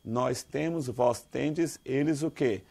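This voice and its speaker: Brazilian man, gravelly teaching voice. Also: medium pitch, takes it slowly. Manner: lively, quizzes listeners with rhetorical questions; calls students "dear". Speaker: Portuguese teacher. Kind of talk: exam-prep grammar lesson.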